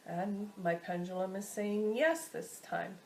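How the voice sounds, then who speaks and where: A woman casually teaching a step-by-step technique, often pausing to search for her words. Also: mid-range voice, a little mellow, slight background noise. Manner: halting, searching for words as she explains. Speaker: instructor teaching a pendulum technique. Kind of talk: casual instructional video talk.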